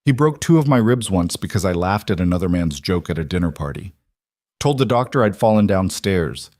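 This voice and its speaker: A man voicing a haunted frontier woman who speaks in a quiet, strained and halting way. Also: low voice, expressive, no room sound, studio quality.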